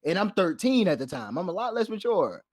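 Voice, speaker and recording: Young dude on a podcast, kinda high voice, dry close mic, tells stories all animated. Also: male voice, a little fast, dry recording. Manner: animated storyteller who acts out quotes and sound effects. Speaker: podcast co-host. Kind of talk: casual storytelling chat.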